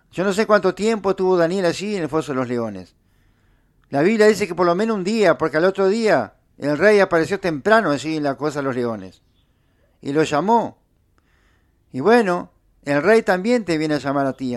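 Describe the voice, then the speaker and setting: A man preaching a sermon, emphatic and repetitive, drawing out key phrases. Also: fairly high pitch.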